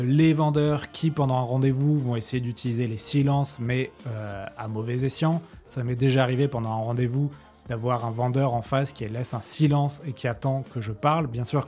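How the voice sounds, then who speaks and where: A man gives an informal talk, explaining in a chatty way and often stopping on hesitations. His voice sits at an ordinary middle pitch. Soft music plays faintly behind him. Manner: conversational, with frequent hesitations. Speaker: sales podcast host.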